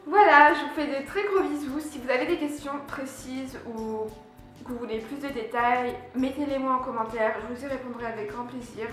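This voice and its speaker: A young woman from France, vlogging, describes her year abroad to viewers in a high, slightly bright voice with fairly even intonation and a moderate pace. She uses lots of fillers and restarts, and the very echoey recording carries faint music.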